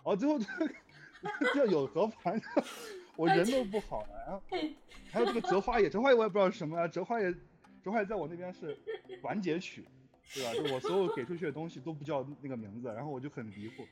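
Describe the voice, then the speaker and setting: A guest who arranges music and composes scores chats casually, telling stories in an animated way and complaining playfully. His voice is a little high and fast, and the muffled lo-fi recording carries background music and crowd noise.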